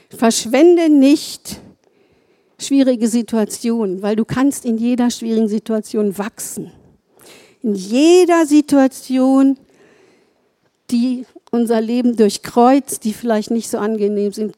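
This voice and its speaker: A woman's voice: on the high side, mellow. A middle-aged woman preaching a sermon in an earnest way, repeating phrases and tagging her sentences with "ja".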